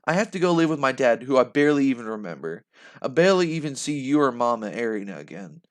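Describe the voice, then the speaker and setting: A man voicing a crying eleven-year-old girl, with a high strained fake-sobbing voice. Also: big pitch swings, fast, lightly acted. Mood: tearful.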